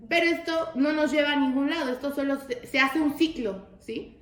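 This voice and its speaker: A woman leads a religious study session, and her voice sits high. She talks to the group as brothers and keeps it casual, peppering her teaching with rhetorical questions. The sound is roomy, with a clear echo off the walls. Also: moderate pace. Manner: addresses listeners as brothers, asks frequent rhetorical questions. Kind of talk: conversational religious lesson.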